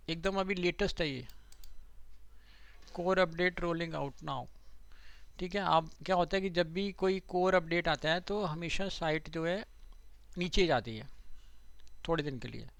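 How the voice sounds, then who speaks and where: A man's voice: fairly high pitch, creaky, a bit bright, no room sound. A man teaching a live online digital marketing class, chatty and checking in often with his students. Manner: conversational, repeats "theek hai" to check students follow.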